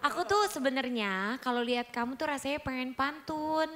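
A woman's voice: high voice, moderate pace, over a noisy crowd. A woman on a comedy panel making flirty, teasing jokes. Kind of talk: flirty joking comments.

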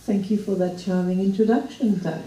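An older woman from Ethiopia, a guest talking in a measured, reflective way with hesitations into a handheld mic on a small stage. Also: mid-range voice, fairly even intonation, warm tone, far from the mic, a little hiss or hum. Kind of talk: interview conversation. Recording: roomy hall sound from afar.

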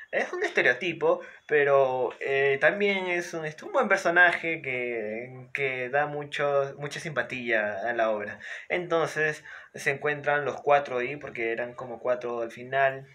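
A man talks through a book in a loose, conversational way. His voice is bright and forceful, and he keeps pausing on filler words and restarting his sentences. He sounds close to the microphone. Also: medium pitch. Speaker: book reviewer. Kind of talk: casual spoken book analysis.

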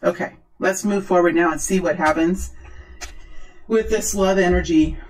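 A woman speaking as a fortune teller, improvising a tarot reading in earnest, halting, repeated short phrases. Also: lowish voice, fairly even intonation, rough recording. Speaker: tarot reader, host.

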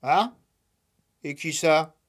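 A woman's voice: sits low, extremely slow, heavily acted. A woman voicing a stubborn young male rabbit who refuses to go to bed, whiny and insistent. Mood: defiant.

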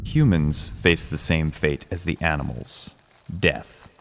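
An actor playing a grizzled, world-weary old male critic, reading in a slow scripted voice. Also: rumbling low, creaky, slight background noise, heavily acted.

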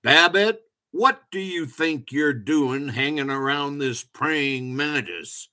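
Mother butterfly, high, disapproving, storybook character, done by a man. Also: lively intonation, slow, pushed and bright, heavily acted. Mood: scolding.

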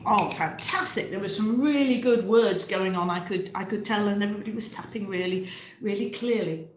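A British woman leading a piano teachers' webinar, lively and encouraging, singing and chanting rhythms as she demonstrates. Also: mid-range voice, moderate pace, roomy sound, heavy background noise.

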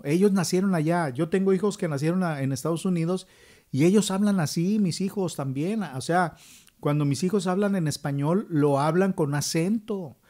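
A man's voice: a little high, a little mellow. A middle-aged Mexican man with a Mexican accent, giving an opinion monologue and asking the viewers rhetorical questions. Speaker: channel host.

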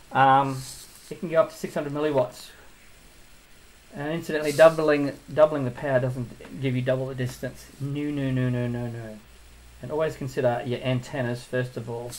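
A man's voice: mid-range voice, a little mellow, low-quality recording. A man giving a casual hands-on tutorial as he builds a drone, thinking aloud and drifting into asides.

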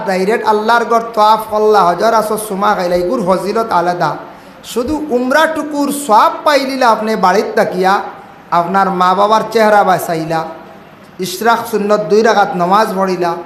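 High-voiced Sylheti preacher in echo. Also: male voice, fairly bright tone, a little hiss or hum. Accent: Sylheti Bengali. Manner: half-sung chanting delivery with sudden high cries. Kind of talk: Islamic sermon.

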